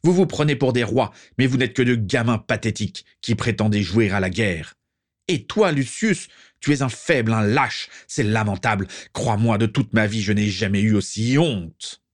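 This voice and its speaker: A man's voice: fairly low pitch, normal speed, lightly acted. Man doing an old cane-leaning patriarch, harsh and scornful. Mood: furious. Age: older. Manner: harsh, contemptuous. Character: old wrinkled patriarch with a cane, furious and contemptuous.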